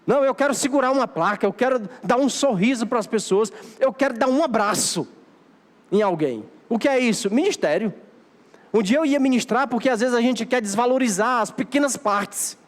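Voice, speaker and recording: A man's voice: very high-pitched, expressive, fairly quick. A Brazilian Portuguese-speaking man preaching a sermon as pastor, exhorting his church in a repeating, emphatic cadence. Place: church sanctuary. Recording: long hall reverb of a church.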